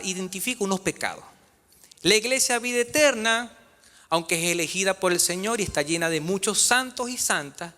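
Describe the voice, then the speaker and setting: A man's voice: sits high, bright, forceful tone. A man preaching a sermon as pastor, questioning his congregation in a church. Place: church sanctuary. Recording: reverberant church hall.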